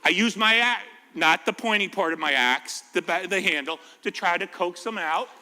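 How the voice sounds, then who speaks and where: With a high-pitched voice that sounds pushed and bright, a man with an American accent speaks at a moderate pace as a firefighter telling stories to kids. His animated talk is jokey and informal, full of questions to the audience, and it echoes through a reverberant indoor library room.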